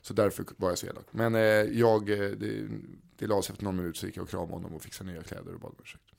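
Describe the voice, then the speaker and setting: A man's voice: deep voice, little pitch movement, gravelly, a little mellow. A man co-hosting a casual podcast, a playful storyteller who teases his co-host. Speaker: podcast co-host and comedy club host. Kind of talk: casual chat.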